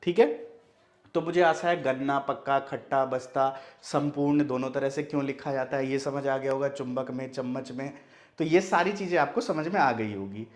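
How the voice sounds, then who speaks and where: A man's voice: mid-range voice, normal speed. A man teaching Hindi spelling who keeps asking rhetorical questions to his students. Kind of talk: classroom explanation.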